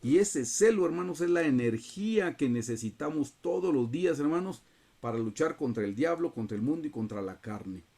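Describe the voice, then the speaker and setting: A man's voice: a little high, expressive, moderate pace, vocal fry, warm tone. A man teaching a Bible study over a video call, earnestly and often turning to his listeners as brothers.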